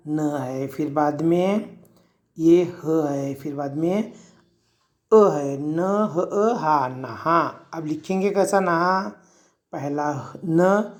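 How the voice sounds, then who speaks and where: A man teaches young children to read, patient and repetitive. He talks slowly and sounds out every word letter by letter. His voice is warm and mellow. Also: fairly high pitch. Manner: sounds out words letter by letter, asks and answers own questions. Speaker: primary school Urdu teacher. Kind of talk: reading lesson for young children.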